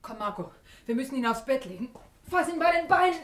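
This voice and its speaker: A woman's voice: high-pitched, big pitch swings, fast. An actress playing an anxious, caring woman in a classic radio play. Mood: urgent. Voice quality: anxious, urgent. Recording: roomy with faint hiss.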